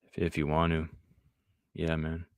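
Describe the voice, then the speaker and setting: A man's voice: rumbling low, monotone, a little slow, clean tone, no echo. A young man hosting a podcast, chatting casually with his live viewers and answering the chat. He drifts between questions and trails off into mumbled asides. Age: young adult. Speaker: podcast host.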